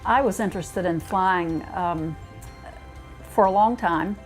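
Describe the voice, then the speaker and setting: A woman's voice: fairly low pitch, slow pace, faint music behind. An older woman being interviewed, telling personal stories about her life. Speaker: retirement community resident being interviewed. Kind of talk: personal storytelling.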